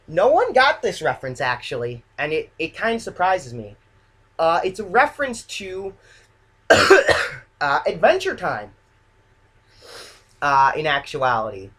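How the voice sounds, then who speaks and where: Male amateur filmmaker, higher-pitched bright voice, casual self-deprecating commentary, feeling his way through sentences. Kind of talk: casual, unscripted director's commentary.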